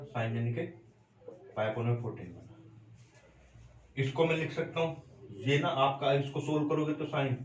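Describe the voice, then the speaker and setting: A male maths teacher works through a problem at an even, medium pitch, stopping again and again to ask his students what the result is. The sound is roomy and echoey, and he sounds some distance from the microphone, as if he is standing at a classroom board. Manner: steady step-by-step explaining, repeated check-in questions to students. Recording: roomy echo, voice from off mic.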